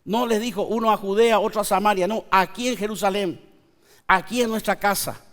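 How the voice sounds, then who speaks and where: A man, preaching a sermon to his congregation with slow, emphatic pauses and conversational asides. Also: high voice, steady tone, a bit bright. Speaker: pastor. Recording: long church hall reverb.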